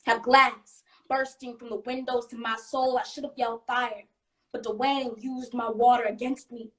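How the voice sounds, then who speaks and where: Female slam poet, fairly high voice, earnest delivery, sitting back from the mic. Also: level tone, measured pace, a bit bright. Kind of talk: slam poetry performance. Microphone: video call. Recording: distant from the mic.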